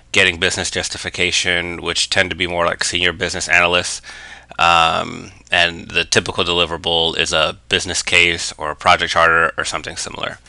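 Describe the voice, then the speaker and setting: A man's voice: low voice, creaky, pushed and bright, no echo. A man narrating a drawn explainer lesson, talking steadily with many "um" fillers. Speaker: business analysis educator.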